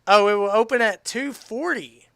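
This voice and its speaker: A man chatting casually on a game live stream, rambling with restarts and fillers, his voice tiring and going hoarse. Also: sits high, normal speed, fairly bright tone, no room sound, studio quality. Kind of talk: casual live-stream chat while gaming.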